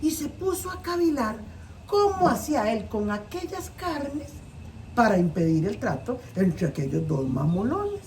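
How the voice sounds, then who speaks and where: A woman with a Costa Rican accent, a storyteller telling folk tales in a playful, animated way. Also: a little high, unhurried. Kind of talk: oral folk-tale telling. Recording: distant mic with faint noise.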